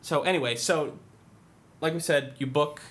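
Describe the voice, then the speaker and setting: Man calmly explaining as podcast host. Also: fairly high pitch, moderate pace. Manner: explanatory, walks through things step by step. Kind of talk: casual interview chat.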